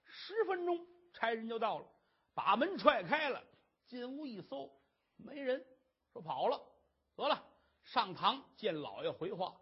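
A storyteller performing a traditional tale in an animated, dramatic manner, on a dull lo-fi recording. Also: mid-range voice, unhurried, slightly rough.

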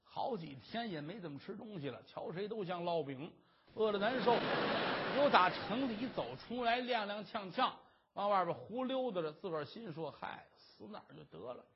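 A man performing traditional Chinese storytelling, lively and dramatic, on a dull lo-fi recording. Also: normal speed, heavy background noise. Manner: lively, dramatic, shifting pitch.

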